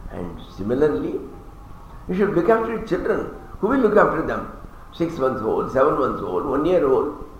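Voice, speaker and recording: A man's voice: mid-range voice, muffled recording. A man, chanting Sanskrit verses and explaining them in a religious discourse with touches of humor. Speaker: religious teacher. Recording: very echoey hall, faint background noise.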